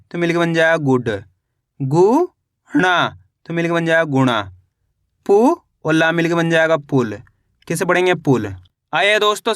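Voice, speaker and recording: A man teaching Hindi reading in a slow phonics lesson. He sounds out each syllable and blends them into words. He encourages viewers as friends. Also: a little high, a bit bright, no room sound, studio quality.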